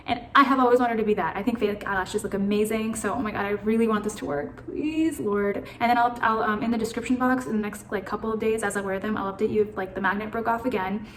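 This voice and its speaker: A woman's voice: mid-range voice, fairly bright tone, roomy sound, slight background noise. A woman vlogging casually on a phone camera, anxious and rambling, swearing now and then. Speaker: beauty vlogger. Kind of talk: casual chat.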